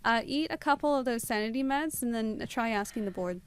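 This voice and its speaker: Fast-talking high-voiced woman streamer. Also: lively intonation, smooth. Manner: talks extremely fast; chatty, greets viewers by name. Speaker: game streamer. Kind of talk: live gameplay commentary.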